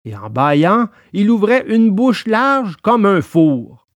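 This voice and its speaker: A man narrating a storybook in an expressive, lively way. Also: high-pitched, takes it slowly, no echo, muffled recording.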